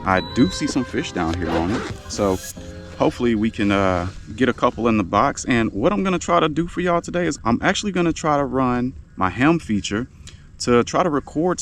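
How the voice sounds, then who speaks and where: A man talks casually outdoors by a lake as a fishing host. His pitch is average and his manner is folksy, addressing viewers directly. Music plays clearly behind him. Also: lively intonation, normal speed.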